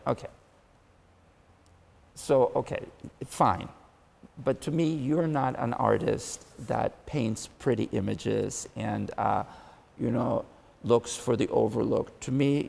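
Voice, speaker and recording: A man's voice: mid-range voice, gravelly, a little mellow, long reverb tail. A man hosting an interview, musing and hesitant with fillers. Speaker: interviewer host.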